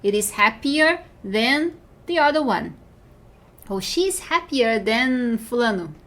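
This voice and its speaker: High-voiced woman teaching English grammar. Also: lively intonation, a bit bright. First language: Portuguese. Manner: explains patiently, drawls English example words slowly. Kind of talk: beginner grammar lesson.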